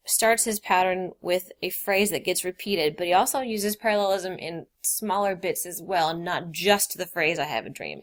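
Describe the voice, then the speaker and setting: A woman teacher explaining grammar in a recorded lesson, reading out quoted examples with emphasis. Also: fairly low pitch.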